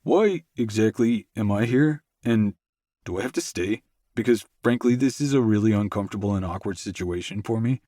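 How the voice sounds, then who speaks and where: A man's voice: lowish voice, moderate pace, dark tone, dry recording, clean studio sound, close to an everyday voice. A man voicing an awkward, easygoing male teammate in an audiobook, hesitant and uncomfortable. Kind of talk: audiobook character voice.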